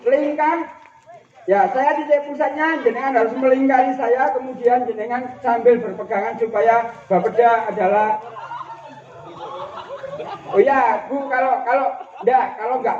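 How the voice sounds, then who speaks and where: A man leading group games at a training outing, calling out commands and teasing the group. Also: extremely high pitch. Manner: shouted commands, joking and teasing. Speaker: outbound training facilitator. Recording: distant, roomy, muffled.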